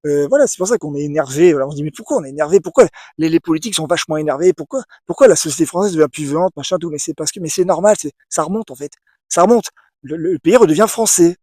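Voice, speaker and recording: A man's voice: fairly high pitch, quick pace, warm tone, no room sound, clean studio sound. A man giving a casual opinion monologue to the camera, emphatic and repetitive, with many restarts and asides to the viewer. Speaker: video essayist.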